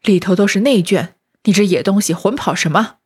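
An impatient young nobleman from a classic tale, scolding and snapping at his servants, as a woman reading the story puts him on. The voice is breathy and husky. Plain storybook reading with little change of voice. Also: mid-range voice, brisk, darkish tone. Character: harried young nobleman, scolding and short-tempered.

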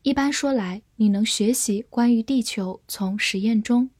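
A woman giving a scripted English vocabulary lesson, spelling words letter by letter and reading example sentences slowly and carefully. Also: fairly high pitch, a little mellow, breathy edge, no room sound, clean studio sound. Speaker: English teacher.

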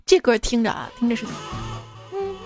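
High-voiced woman over music. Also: expressive, moderate pace. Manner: informal, playful asides to listeners. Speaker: host of a comic listener-stories show. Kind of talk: casual chatty reading of listener comments. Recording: music playing behind the voice.

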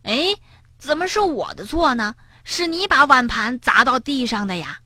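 A woman voicing a clumsy, stubborn young male frog in a storybook reading, soft and mumbling. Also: medium pitch, normal speed, no room sound, clean studio sound. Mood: defensive.

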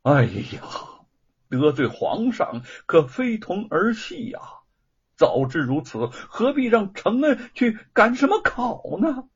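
A man's voice: sits high, very animated, slow pace, slightly rough, voice pushed up, full character voice. A man voicing an anxious older mother who laments and sighs. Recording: dull lo-fi recording.

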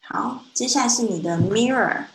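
A Mandarin-speaking woman teaching English pronunciation one-on-one, patiently correcting and modelling words slowly. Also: on the high side, gravelly, low-quality recording.

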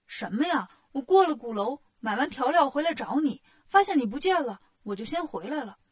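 A woman voicing a cheeky, boastful male monkey king in a storybook tale, brisk and cocky, with a husky voice. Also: high voice, expressive.

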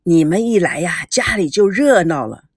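A woman voicing a kindly elderly grandmother in an audiobook novel, speaking gently to smooth things over. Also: fairly low pitch, animated, moderate pace, dry recording, clean studio sound. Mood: soothing.

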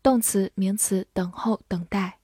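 A woman teacher reading a vocabulary drill, saying each English word twice in a measured, clear manner before reading its meanings. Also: medium pitch, steady tone, dark tone, dry recording, studio quality.

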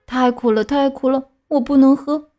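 A woman's voice: high-pitched, steady tone, normal speed, warm tone, pitched above the performer's own voice, lightly acted. A woman voicing a stubborn, whining wooden puppet boy who refuses his medicine. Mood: whiny stubborn. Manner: whining, bargaining.

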